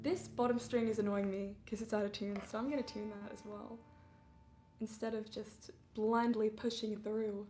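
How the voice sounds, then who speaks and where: Chatting and giggling through a music livestream, a young English singer-songwriter speaks in a mid-range voice at normal speed, with fairly even intonation and a darkish, roomy tone. Her accent mixes English and Canadian, she sounds a bit under the weather, and her chatty talk is full of fillers.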